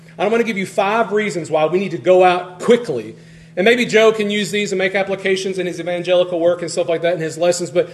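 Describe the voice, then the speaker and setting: A man preaching a sermon in a conversational, animated way, often restarting phrases and swinging between loud and soft. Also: high-pitched. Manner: conversational, animated, frequent restarts, varies loudness widely.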